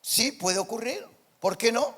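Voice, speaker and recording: A male pastor with a Rioplatense Spanish accent, preaching a sermon in church and swinging between quiet, intimate lines and loud, impassioned declarations. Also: very high-pitched, animated, a little slow, slightly rough.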